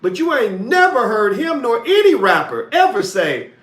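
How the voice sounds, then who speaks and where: A man's voice: extremely high pitch, sing-song, moderate pace, a bit bright. A man hosting an interview over a video call, talking in an earnest, conversational way. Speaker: host. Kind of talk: interview questions and commentary. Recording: roomy video call audio.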